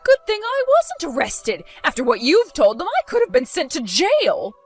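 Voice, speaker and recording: A woman voicing a shrill, spiteful mother-in-law. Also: wildly swooping pitch, normal speed, faint music behind, heavily acted. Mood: indignant. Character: spiteful older mother-in-law, defensive and scheming. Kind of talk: dramatized story voice acting.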